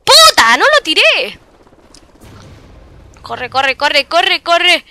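A woman with a Chilean accent giving live, excitable commentary over her own gameplay, cursing and yelling at the game. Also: very high-pitched, very slow, noisy background. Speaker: gaming video creator.

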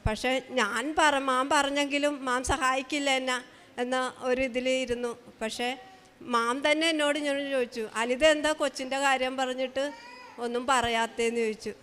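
A middle-aged woman tells her own story as a testimony, her voice pitched high. She speaks haltingly and with feeling, often breaking off and starting again. Long reverb hangs after her words, as in a large church hall. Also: fairly even intonation, a bit bright, clear, resonant tone. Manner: halting, emotional, with many restarts. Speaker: mother giving a testimony. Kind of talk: spoken personal testimony.

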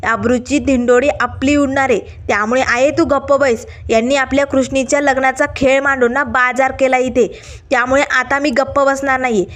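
Lady doing an angry village woman, high voice, calling people out. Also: a bit bright. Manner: indignant, confrontational. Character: fiery young village woman defending her sister.

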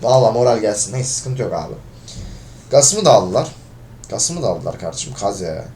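A man's voice: fairly low pitch, lively intonation, moderate pace. Guy ranting over his game, cursing at randoms, voice jumps all over, bit of hiss behind. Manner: frustrated, swearing, shouts when losing. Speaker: gaming video creator. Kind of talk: live gameplay commentary.

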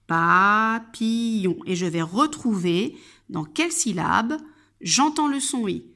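A woman kindergarten teacher giving an instructional video lesson for young children, speaking to the child directly, articulating clearly and sounding out words syllable by syllable. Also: mid-range voice, big pitch swings, a little slow. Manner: addresses the child directly and patiently.

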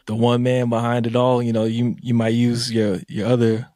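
A laid-back podcast host from an Army family in the United States asks questions in a casual interview chat, sprinkling in many "you know" fillers. He records indoors in a home room over a video call, using a studio mic with a headset. His medium-pitched, mellow voice is completely flat, at a moderate pace, with no echo.

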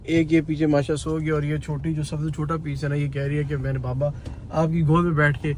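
A man's voice: a little high, little pitch movement, a little hiss or hum. Devout man vlogging on his phone. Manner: devout, peppers speech with religious phrases. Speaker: vlogger and cafeteria owner. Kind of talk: casual vlog narration. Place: car and restaurant kitchen, Gulf city.

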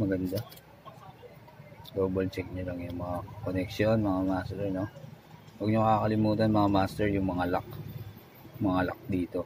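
A man's voice: low voice, noisy background. A man with a Filipino accent walking viewers through a phone screen repair in a casual way, slightly slurred, keeps checking in with his listeners. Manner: keeps saying "mga master" and "no?", slightly slurred. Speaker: phone repair tutorial host.

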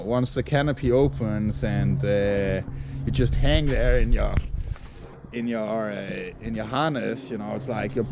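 A man's voice: mid-range voice, gravelly, noisy background. A man from Denmark in his thirties, talking casually to a camera held at arm's length outdoors, rambling with lots of fillers. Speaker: vlogger. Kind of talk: casual vlog talk to camera. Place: outdoors on a chilly morning.

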